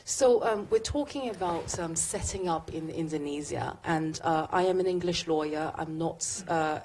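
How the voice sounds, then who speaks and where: Deep-voiced woman from singapore giving a talk, lots of ums, bit of background noise. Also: darkish tone. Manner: measured with frequent fillers and restarts. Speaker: barrister speaking at a business event. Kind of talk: conference presentation.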